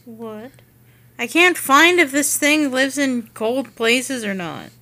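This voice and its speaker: A young woman co-hosting a casual podcast, blunt and sweary, with quick wisecracks as she reads descriptions aloud. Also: high voice, expressive, pushed and bright. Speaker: podcast co-host. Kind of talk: casual chat.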